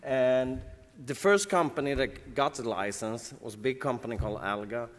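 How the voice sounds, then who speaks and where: A Swedish man with a Swedish accent chats casually on a convention panel, halting and restarting as he hunts for words. He has a mid-range voice and is jet-lagged. The reverberant recording comes from a large convention hall.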